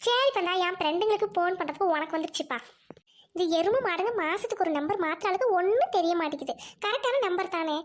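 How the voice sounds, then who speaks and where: A woman playing an excited, scolding mother of two girls in a comic family skit. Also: extremely high pitch, fast. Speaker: content creator.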